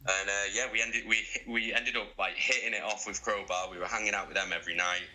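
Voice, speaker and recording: Low-voiced bright man, sweary. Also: quick pace, low-quality recording. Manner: sweary, excitable, laughs often. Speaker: band member being interviewed. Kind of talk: casual interview chat.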